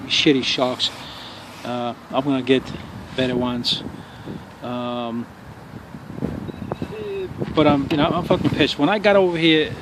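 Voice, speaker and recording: A man reviewing his remote-control truck outdoors on a city street, ranting angrily with lots of swearing and stumbling restarts. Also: mid-range voice. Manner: angry, profane ranting with halting restarts. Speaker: RC car hobbyist reviewer. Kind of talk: casual outdoor review vlog. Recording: noisy outdoor street recording.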